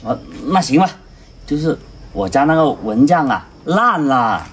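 A man's voice: fairly high pitch, very animated, measured pace, slight background noise. A man in his thirties playing a pushy, evasive village chief in a rural comedy skit. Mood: urgent, coaxing. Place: outdoors at a village house doorway.

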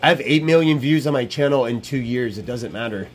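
A man in his thirties is live streaming from a small room, rambling to chat in a brash, profane way and repeating himself a lot. His voice is mid-range and fairly quick, picked up by a wired earbud headset mic with a little hiss or hum.

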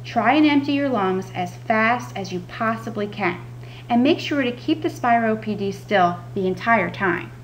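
A woman's voice: a little high, animated, normal speed, low-quality recording. A woman giving scripted instructional narration as a patient education specialist. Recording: audible background noise with hum.

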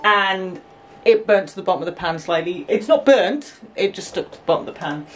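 A woman's voice: medium pitch, animated, brisk. Chatty woman in a noisy kitchen. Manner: chatty, explains as she works. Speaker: homestead vlogger. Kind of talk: casual kitchen chat. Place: small home kitchen, indoors. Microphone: camera mic on the counter. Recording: noisy kitchen camera audio.

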